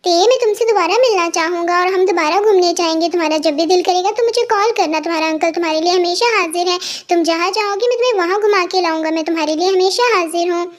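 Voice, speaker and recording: A man's voice: very high voice, quick pace, few pauses. A woman doing a doting kindly uncle. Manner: warm, promising.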